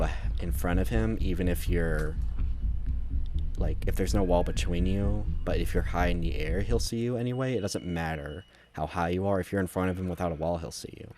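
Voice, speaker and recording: Low-voiced man giving casual game commentary. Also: moderate pace, noisy background. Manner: rambling, self-correcting, conversational. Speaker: gameplay commentator.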